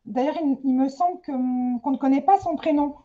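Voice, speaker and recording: A woman interviews an author, reading an introduction of the guest with lots of hesitations and fillers. Her voice is high-pitched with a dark tone at normal speed, and the sound is lo-fi.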